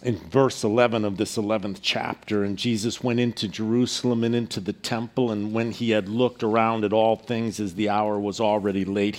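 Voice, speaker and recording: Man preaching at a pulpit microphone. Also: mid-range voice. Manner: measured, earnest, with frequent restarts and scripture read aloud. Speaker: pastor. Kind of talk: sermon.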